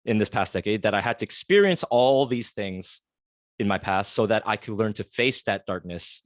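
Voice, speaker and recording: Fairly low in pitch and at a moderate pace, this American podcast host in his 30s reflects on his own in a solo episode, speaking earnestly and confessionally. He leans on fillers and often starts over mid-thought. There's no room sound.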